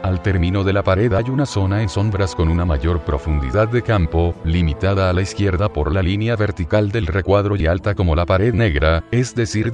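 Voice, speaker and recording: A man with a low voice narrates a visionary account in the first person, slow and deliberate. He lingers over each detail in a measured way. Soft music plays faintly behind him. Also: dull audio.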